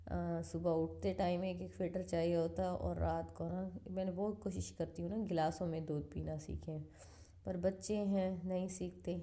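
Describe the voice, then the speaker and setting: A woman in her thirties, a mother, casually narrating her family's home video in a soft, steady, conversational way. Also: on the low side.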